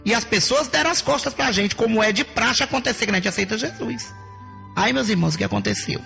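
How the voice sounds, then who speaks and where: Gravelly emphatic woman preacher. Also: a little high, quick pace, a bit bright, faint music behind. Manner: emphatic, often addressing listeners as brothers. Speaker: testimony preacher. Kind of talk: preaching a personal testimony.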